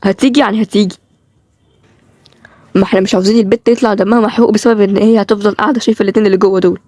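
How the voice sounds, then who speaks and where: A woman's voice: mid-range voice, steady tone, racing, dark tone, dry recording, clean studio sound. A woman with an Egyptian accent, voicing chatty characters in a cartoon role-play series. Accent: Egyptian Arabic.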